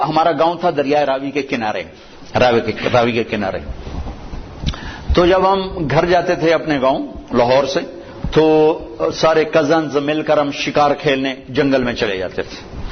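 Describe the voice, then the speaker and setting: A male preacher from Pakistan giving a sermon, telling stories and reciting verses, repeating key phrases for emphasis. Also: fairly high pitch. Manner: storytelling with Quranic recitation in Arabic. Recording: old dull lo-fi recording with faint noise.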